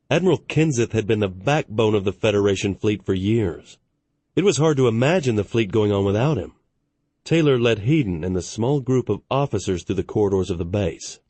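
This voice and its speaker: A man reads a science fiction audiobook in a steady, even manner. His voice is low and mellow with a husky edge. The recording is dry and close. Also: no echo. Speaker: audiobook narrator. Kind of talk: scripted narration.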